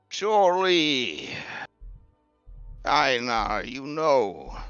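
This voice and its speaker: Man putting on a high, slow, solemn seer woman. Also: a bit bright, dry recording, highs cut off, exaggerated voice. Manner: slow, portentous, drawn-out. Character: solemn female mountain seer who speaks with spirits.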